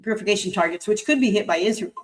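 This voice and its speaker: A woman guest on a panel show, explaining at length in a halting way while she has the hiccups. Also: medium pitch, poor audio. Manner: halting, lots of fillers and restarts. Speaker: guest commentator. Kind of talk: panel discussion.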